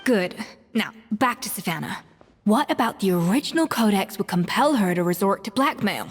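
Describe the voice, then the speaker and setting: In English game voice acting, a woman with a husky, animated medium-pitched voice plays a blunt, imperious young pastry chef with a theatrical, no-nonsense manner. She sounds firm yet forgiving, speaking at normal speed. A long reverb hangs over background music.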